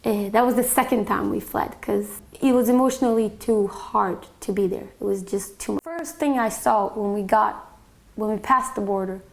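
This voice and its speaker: A young woman from Bosnia recounts her own story in a quiet, reflective way, pausing often on small fillers. Her mid-range voice carries a gravelly fry at the ends of phrases. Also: medium pitch. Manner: reflective, soft-spoken, with frequent fillers. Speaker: interviewee. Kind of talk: personal testimony.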